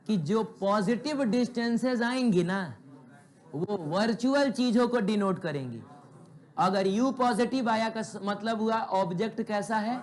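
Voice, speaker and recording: A man teaching physics in a classroom, asking the students rhetorical questions and telling chatty ones to be quiet. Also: sits high. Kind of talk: classroom lecture.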